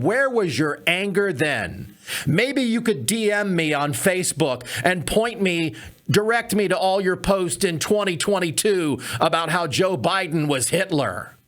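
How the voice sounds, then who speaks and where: A man's voice: high voice, a bit bright. A man hosting a comedy podcast, giving sarcastic political commentary full of mocking rhetorical questions.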